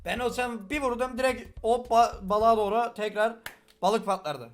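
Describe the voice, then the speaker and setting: Fast-talking young man with a regional Turkish accent. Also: extremely high pitch, faint music behind. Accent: Turkish regional dialect. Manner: fast-talking, joking, swears often. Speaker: gaming video host. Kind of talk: casual reaction commentary.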